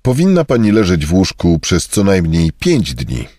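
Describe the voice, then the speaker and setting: A man reading short phrases in a measured, scripted way for a language lesson. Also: deep voice, wildly swooping pitch, mellow, no echo, clean studio sound. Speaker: Polish phrase reader.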